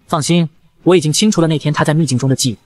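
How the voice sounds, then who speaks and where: A man voicing a blunt, snarky talking guide system, in a fast manga recap narration. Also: fairly high pitch, a little mellow, no room sound, natural voice.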